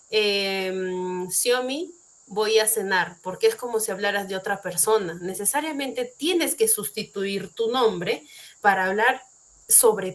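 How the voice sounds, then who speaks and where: A woman with a Peruvian Spanish accent teaching an online English lesson from home. She explains patiently, asks rhetorical questions and keeps adding short tag questions. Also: mid-range voice. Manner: repeats examples, many tag questions.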